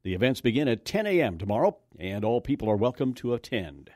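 Animated American man hosting morning radio news. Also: medium pitch, fast talker, no echo, studio quality. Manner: wry, conversational asides. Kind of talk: radio news reading with casual banter.

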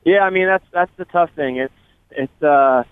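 A man calling in on speakerphone while he drives, talking in a relaxed, halting way. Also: a little high, smooth, no echo. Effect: on speakerphone in a car. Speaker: guest player. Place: driving in a car. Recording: tinny phone line.

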